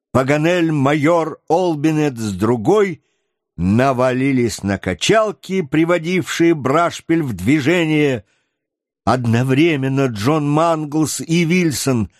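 A man narrating an adventure novel as an audiobook, in a measured, deliberate storytelling manner. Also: on the high side, no room sound, clean studio sound.

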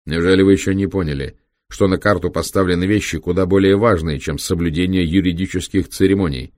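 A man reading an audiobook, voicing a cold, ruthless German male biochemist with a creaky, reproachful voice. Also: low-pitched, fairly even intonation, fairly quick, a little mellow, dry recording, clean studio sound, lightly acted. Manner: reproachful, dismissive.

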